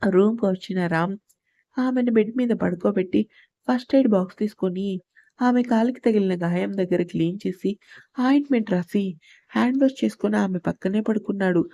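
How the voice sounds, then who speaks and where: Gravelly-voiced woman narrating a story. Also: mid-range voice, fairly quick, mellow, no room sound, lo-fi sound. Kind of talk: scripted narration of an audio story.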